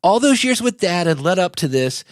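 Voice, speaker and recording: Playing a relaxed, contemporary messiah on a comedy podcast, the man talks in a strikingly high voice for a male, folksy and conversational yet hesitant, much like a minor-league marketer. His pitch swings widely at a normal speed, his mood matter-of-fact, in a casual comedic interview. The sound is very dry, without echo.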